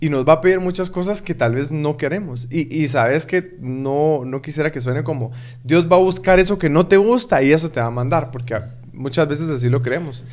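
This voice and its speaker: A man's voice: fairly high pitch, a little fast, few pauses, a little mellow. A man talking in an earnest, preaching way during a casual faith conversation.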